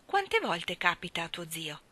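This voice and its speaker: A woman reading aloud and voicing an excitable little boy with high, stretched-out exclamations. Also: measured pace, heavily acted. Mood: insistent.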